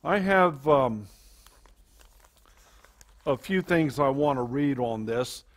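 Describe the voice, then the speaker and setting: A man preaching a sermon to his congregation into a pulpit microphone, in a halting delivery full of fillers and restarts. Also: medium pitch, animated. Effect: speaking into a pulpit microphone. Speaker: pastor.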